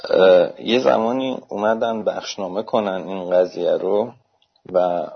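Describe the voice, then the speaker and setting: A man who is a lawyer and a guest on a talk show, speaking politely in a measured way. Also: low voice, vocal fry, husky, lo-fi sound. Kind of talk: calm talk-show commentary.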